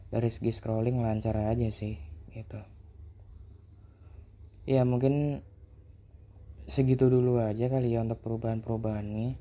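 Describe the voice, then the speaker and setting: A man, chatting casually as a vlogger about his experiences with an app. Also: mid-range voice. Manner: relaxed, conversational explaining. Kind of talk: casual chat.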